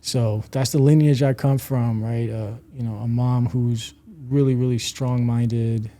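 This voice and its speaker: A man's voice: mid-range voice, steady tone, a little slow, mellow. A man in his thirties from Rwanda, a podcast guest chatting casually with many fillers. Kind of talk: casual interview chat.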